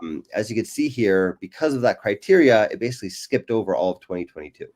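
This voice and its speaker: Low-voiced man explaining trades. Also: animated, fast talker, darkish tone. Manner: explanatory, many fillers and "right?" tags. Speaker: guest explaining trading algorithms. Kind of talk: casual interview chat.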